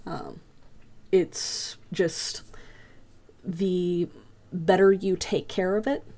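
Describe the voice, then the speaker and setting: A woman teaching a hobby craft class over voice chat, talking fast with frequent ums and uhs. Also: lowish voice, darkish tone. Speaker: instructor. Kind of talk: online class lecture. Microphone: home computer mic on a voice chat.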